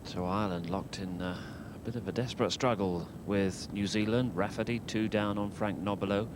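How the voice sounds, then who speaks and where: A man presenting a round-up of golf scores in a measured reporting manner, pausing between items. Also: fairly even intonation. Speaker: sports presenter. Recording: noisy broadcast with background rumble.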